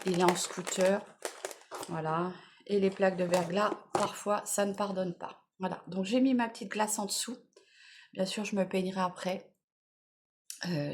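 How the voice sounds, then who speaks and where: A woman's voice: medium pitch, darkish tone, slight background noise. Tired, rambling middle-aged woman vlogger. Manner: rambling, chatty, full of "voilà" and "bon, bref". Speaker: beauty vlogger. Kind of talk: casual makeup chat. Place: at home in the morning.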